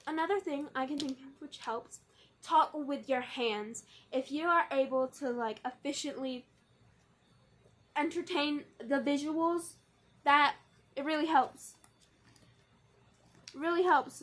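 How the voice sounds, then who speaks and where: A young woman chatting playfully to camera as a vlogger, full of quick asides and jokes, swinging between lively bursts and low, mumbled stretches. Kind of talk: casual chat to camera.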